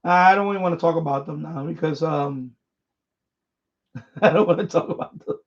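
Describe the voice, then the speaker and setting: A live stream host with a high-pitched voice chats casually and unscripted. He speaks haltingly, often repeating words and phrases, through a dull, lo-fi microphone.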